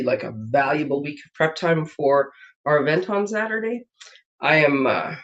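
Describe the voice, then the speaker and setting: A woman hosting a casual craft live stream from her home desk, rambling and laughing often, a bit congested from a sinus infection. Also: low-pitched. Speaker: host of a papercraft live stream. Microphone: webcam setup. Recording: dull lo-fi stream audio.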